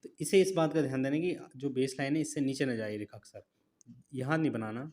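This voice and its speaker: A man teaching shorthand, slowly naming each stroke as he writes it and repeating the words. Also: mid-range voice, darkish tone. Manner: slow, repetitive dictation of strokes while writing. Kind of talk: step-by-step writing lesson.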